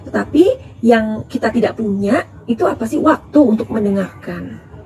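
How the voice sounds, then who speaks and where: Gravelly-voiced woman tarot reader. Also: on the high side, lively intonation, normal speed, dark tone, slight background noise. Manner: chatty, calls listeners "sayang", counsel-giving. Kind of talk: tarot reading commentary.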